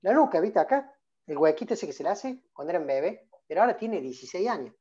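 Orador rioplatense de unos cuarenta, tono de taller interactivo, pregunta y nombra al público; audio apagado de videollamada. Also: male voice, high-pitched, very animated, quick pace, mellow, highs cut off. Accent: Rioplatense Spanish. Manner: engaging, calls on listeners by name, many questions. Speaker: public speaking trainer. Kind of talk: interactive online workshop talk. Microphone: video call.

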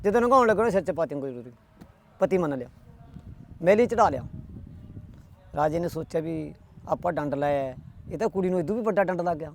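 A man's voice: a little high, animated, fast talker, long pauses, slight background noise. A man telling a folk tale in a rustic, chatty way, tagging every quote with who said it. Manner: rustic, chatty, with constant "he said, she said" tags. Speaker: storyteller.

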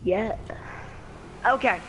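A man's voice: sits high, drawn-out words, fairly bright tone, a little hiss or hum, rough recording. A man hosting a gaming channel, chatting casually through gameplay with the hiccups and rambling a little. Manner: chatty, rambling, slightly scattered. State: has the hiccups.

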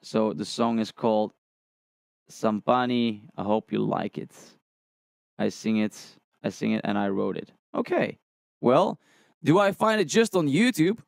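Casually chatting on a livestream and thinking aloud over the chat, this young man is a music reaction streamer. His voice is on the low side, expressive and unhurried, with vocal fry and no room sound. He sits in a small indoor room lit with colored lights, headphones on, before a stand-mounted studio condenser mic.

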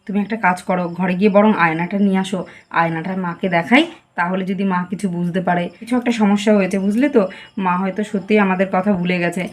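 A woman's voice: sits high, fast talker, roomy sound, far from the mic, natural voice. A woman voicing an exasperated, caring daughter-in-law in a cartoon, pleading and scolding in a homely tone.

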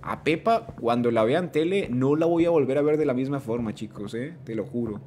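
A man from Colombia with a Mexican-sounding Spanish accent, commentating a live game stream and greeting his chat, prone to sudden excited shouts. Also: mid-range voice, a little fast, background noise. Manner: excitable, bursts into shouts at scares. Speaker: gaming streamer.

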